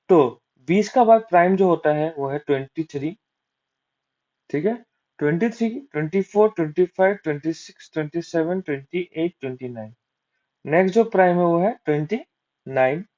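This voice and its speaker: A high-pitched man with a dark tone tutors maths for exams, solving sums aloud in steps and questioning and answering himself. English maths terms pepper his Hindi, and the audio is dull and lo-fi.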